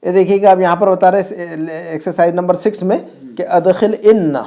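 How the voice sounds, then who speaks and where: A male teacher giving a grammar lesson from his home. His voice is mellow and sits a little high for a man. He keeps asking questions and checking that his students follow. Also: fairly even intonation. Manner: drills students with repeated questions and tag checks. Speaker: Arabic teacher. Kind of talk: classroom lesson.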